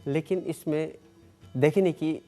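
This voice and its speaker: A man from Gilgit-Baltistan, a guest on a talk show, explaining things slowly with many filled pauses. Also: fairly high pitch, fairly even intonation, warm tone, faint music behind. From Gilgit-Baltistan, Pakistan. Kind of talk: studio talk show conversation.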